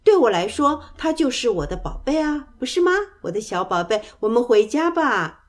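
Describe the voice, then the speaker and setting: Woman putting on a sweet cooing mama duck, lively and high, storybook style. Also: normal speed. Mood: tender. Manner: tender, cooing. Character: gentle, doting mother duck.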